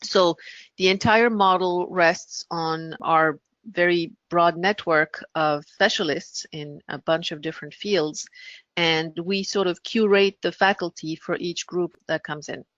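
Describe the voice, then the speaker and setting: A woman from France speaking as an interview guest, explaining things conversationally and thoughtfully, pausing to rephrase. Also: lowish voice, steady tone, fairly bright tone, dry recording, highs cut off. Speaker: podcast guest, business founder.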